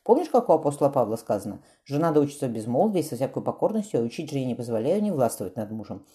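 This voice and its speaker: A woman's voice: very deep voice, big pitch swings, rapid-fire, warm tone. A woman voicing a meek, devout young wife who speaks earnestly and dutifully in an audiobook.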